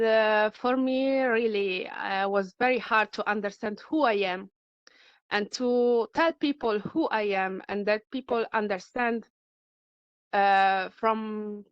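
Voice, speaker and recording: A middle-aged woman speaks English, taking her time and pausing often to search for her words. Her voice comes through smooth and clear, though the recording itself is dull and lo-fi. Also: on the high side, dry recording. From Italy. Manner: halting, searching for words, many fillers. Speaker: speaker sharing personal experience. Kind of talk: personal testimony at a talk.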